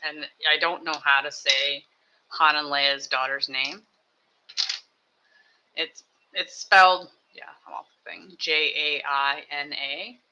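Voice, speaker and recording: Rambling home streamer with a sharp, bright voice who chats and builds at the same time. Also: medium pitch, muffled recording, slight background noise. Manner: chatty, thinks aloud, self-mocking asides. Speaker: live streamer building toy sets. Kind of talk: casual rambling chat while building. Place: home desk with two computers.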